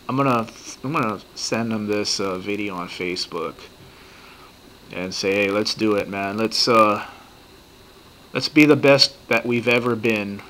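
A man in his thirties talking casually and profanely in a rambling, excitable way while reacting to a TV show at his computer. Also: on the low side, a little slow, pauses often. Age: 30s. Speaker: vlogger reacting to a TV series.

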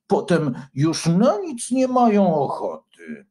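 A man voicing a calm, sensible male dragon in a children's storybook, talking in a slow, low and deliberate way. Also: heavily acted. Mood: grumbling. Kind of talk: storybook character voice.

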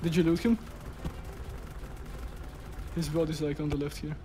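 A man on gameplay voice chat, making urgent, excited callouts and swearing during a fight. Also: on the high side, measured pace, slight background noise. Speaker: gaming teammate.

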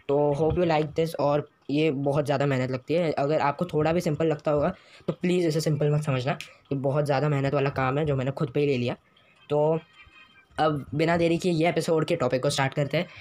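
Excitable man narrating gameplay. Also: fairly high pitch. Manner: excitable, shouts and groans at the game. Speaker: gaming YouTuber. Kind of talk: live gameplay commentary.

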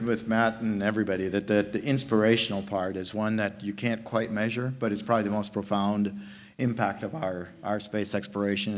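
A man in his fifties, from Jamaica, speaking on a conference panel into a table mic, animated and prone to restarting his sentences. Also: fairly low pitch. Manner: animated storytelling with frequent restarts. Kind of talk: panel discussion. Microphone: table mic on stand.

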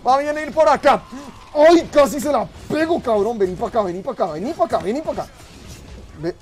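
A young man with a Colombian accent, commentating his live gaming stream in a brash, profane way, muttering asides and then yelling outbursts. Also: very high voice, lively intonation, fairly quick, a little hiss or hum. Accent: Colombian Spanish. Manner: brash and profane, swinging between mumbled asides and yelled outbursts. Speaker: Twitch streamer.

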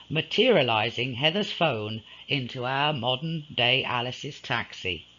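Slow, dramatic male storyteller. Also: medium pitch, sharp tone, dull audio, slight background noise. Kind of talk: scripted ghost-story narration.

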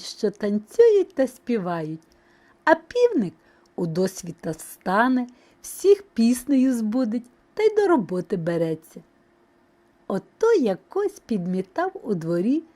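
A woman narrating an audio fairy tale for children in an expressive storytelling manner. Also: a little high, measured pace.

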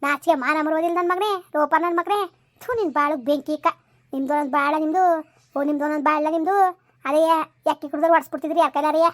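In a rural comedy skit, a woman plays a furious village mother scolding her son and hurling repeated insults. Her voice sits high with fairly even intonation and a quick pace, sounding natural with no echo.

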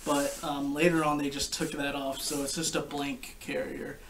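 A young man giving a casual, informal product review to camera, explaining things in a halting way. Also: a little high, level tone, fairly bright tone. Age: young adult. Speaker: gas mask collector and reviewer. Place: living room couch, indoors. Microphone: camera a short distance away. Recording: distant camera mic with background noise.

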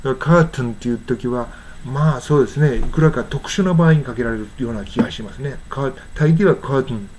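An older man from Japan, teaching English pronunciation in a casual lesson, patiently repeating words slowly to show how they sound. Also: medium pitch, a little mellow, slight background noise.

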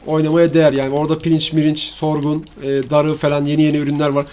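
Fast-talking man narrating gameplay. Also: on the high side, completely flat delivery, darkish tone. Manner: rambling, slangy, talks to viewers as "arkadaşlar". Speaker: gaming channel host. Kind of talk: casual gameplay commentary.

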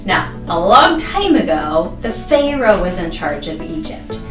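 Unhurried, expressive woman kids show host. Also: on the low side. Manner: kids show host, exaggerated expression, simple explaining to small children. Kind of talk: children's Bible storytelling. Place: indoor room, green screen. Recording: roomy, distant mic, music underneath.

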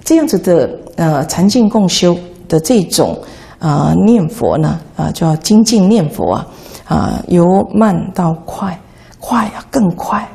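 A woman's voice: lowish voice, animated, measured pace, vocal fry, warm tone. A woman, a Buddhist nun, giving a patient, instructive dharma talk on how to chant.

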